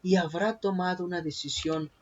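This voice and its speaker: A man's voice: sits high, steady tone, normal speed, slight background noise. A man preaching a sermon on prophecy, asking his listeners many questions and calling them brothers. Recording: dull lo-fi recording.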